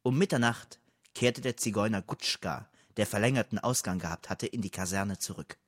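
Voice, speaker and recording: A man reading a story aloud in a lively, expressive way. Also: lowish voice, moderate pace, no room sound, clean studio sound. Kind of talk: scripted narration.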